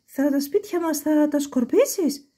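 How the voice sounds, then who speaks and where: A woman doing a high, worried little pig. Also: warm tone, lightly acted.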